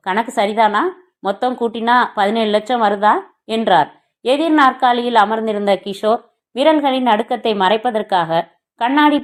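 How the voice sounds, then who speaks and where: A woman narrating a crime novel as an audiobook, reading the dialogue of every character herself. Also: fairly high pitch.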